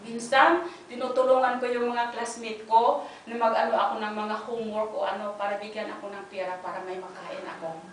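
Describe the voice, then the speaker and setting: A woman from the Philippines giving an inspirational church talk, telling her story with lively acted-out dialogue and bits of English. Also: on the high side, fairly quick. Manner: animated storytelling, acts out dialogue, mixes in English. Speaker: guest speaker giving a testimony. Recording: echoey hall, distant mic, faint noise.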